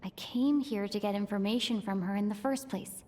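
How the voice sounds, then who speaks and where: A woman's voice: mid-range voice, moderate pace, a little mellow, lightly acted. A woman voicing a thoughtful young female traveler musing to herself in a video game. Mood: reflective. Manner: reflective inner monologue. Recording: long reverb.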